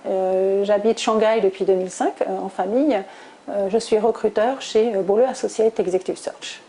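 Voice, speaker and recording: Guest, middle-aged woman, warm and mellow, hesitant and reflective. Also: medium pitch, steady tone, moderate pace, slight background noise, poor audio. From France, southwest (Toulouse). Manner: thoughtful, many hesitations with "euh". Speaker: guest, recruiter. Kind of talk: interview answers.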